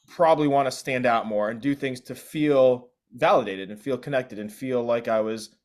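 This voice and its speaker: A man's voice: mid-range voice, moderate pace. A man, a DJ guest speaking earnestly and reflectively, often restarting his phrases. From South Korea. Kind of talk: casual interview chat.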